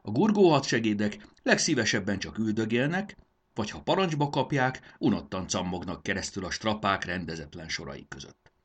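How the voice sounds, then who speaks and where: Expressive lively storybook narrator, man. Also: fairly low pitch, breathy edge. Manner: expressive reading, does character voices.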